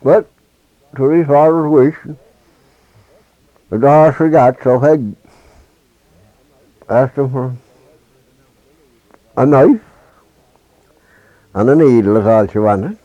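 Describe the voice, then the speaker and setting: A man telling a traditional folk tale in halting dialect speech with many restarts, on a dull lo-fi recording. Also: mid-range voice, dark tone, no echo. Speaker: storyteller.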